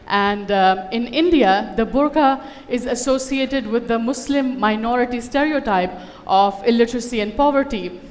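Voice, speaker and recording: Speaking to a conference audience in a large hall, a woman who grew up in Dubai shares a personal story with humor and wry side comments. Her pitch is fairly high, and she keeps a moderate pace with few pauses.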